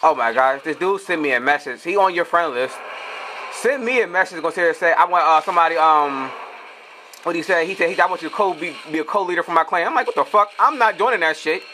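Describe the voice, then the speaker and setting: A man's voice: on the high side, quick pace, slight background noise. A young man, trash-talking his teammates while commenting on his own gameplay. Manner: excitable, profane trash talk. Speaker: gamer.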